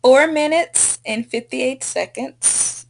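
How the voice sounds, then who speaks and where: Slow, patient woman tutor with creaky voice. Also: sits high. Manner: slow, patient, repeats corrected phrases. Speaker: language tutor. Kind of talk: recorded spoken feedback. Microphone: computer microphone, screen recording.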